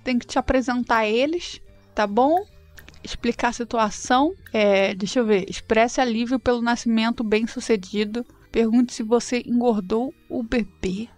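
A Brazilian woman casually commenting on a life-sim game, animated and dramatic, voicing her character's lines. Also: moderate pace, faint music behind. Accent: Brazilian Portuguese. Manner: animated, swings into high dramatic outbursts. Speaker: gameplay streamer.

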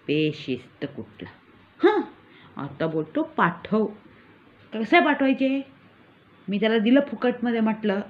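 A woman's voice: medium pitch, natural voice. A woman playing a smug, scheming village mother who brags and mocks in a comic sketch. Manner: smug, mocking, gleeful bragging. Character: boastful scheming village mother, con artist. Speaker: comic character monologue. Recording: tinny phone-like recording.

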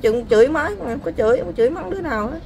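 A woman's voice: sits high, animated, rapid-fire, darkish tone, slight background noise, low-quality recording. A middle-aged woman, pleading repeatedly for her daughter to come home. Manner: pleading, repetitive. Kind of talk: emotional plea to camera.

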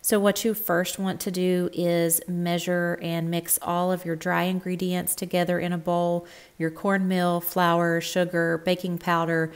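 A woman talks through a recipe in a voice sitting a little low. She gives friendly, step-by-step directions, like a home cook narrating her own kitchen video. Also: little pitch movement, a little slow, clear, resonant tone. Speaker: cooking channel host. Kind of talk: cook-along voice-over narration.

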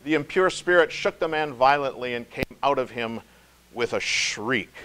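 A male pastor giving a devotional sermon, emphatic, slowing to stress key words and dropping low and soft. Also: expressive, a little hiss or hum. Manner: emphatic, slow stress on key words, wide swings in loudness.

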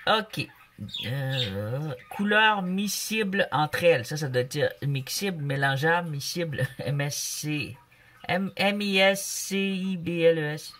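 A woman's voice: low voice, slow pace, a bit bright, slight background noise. Chatty Québécois woman reviewing paint. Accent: Québécois French. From Canada. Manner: chatty, joking, reads labels aloud. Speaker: craft vlogger. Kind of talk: casual product review. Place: home, with a noisy pet bird.

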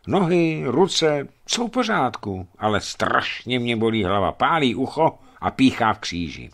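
A man voicing a dazed, wounded male geologist who speaks slowly and in bewilderment. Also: medium pitch, big pitch swings, a bit bright, pitched above the performer's own voice. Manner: slow, bewildered.

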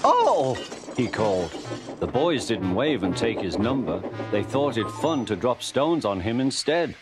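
A man narrating a children's story in a dramatic, expressive way, over loud music. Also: medium pitch, normal speed.

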